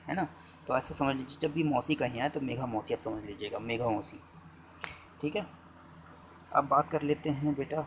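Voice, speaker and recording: Man teaching exam-prep, dictating slowly. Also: medium pitch, fairly bright tone, a little hiss or hum, rough recording. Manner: addresses students as "बच्चों", repeats and dictates slowly. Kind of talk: exam-prep lecture with memory tricks.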